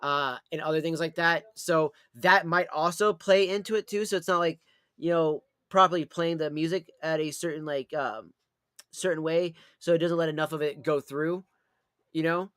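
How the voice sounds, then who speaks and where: A man with a noticeably high-pitched voice talks off the cuff as a live streamer. His delivery is rambling and repetitive, with blunt, sweary casual wording. The sound is close and dry, with very little room echo. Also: fairly even intonation, moderate pace, a bit bright, clear, resonant tone. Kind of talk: casual livestream chat.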